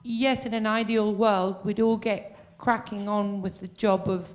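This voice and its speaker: A woman in the audience asking a long earnest question at a public meeting, pausing with fillers. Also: medium pitch, steady tone. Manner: earnest, pauses with um. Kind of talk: question from the floor.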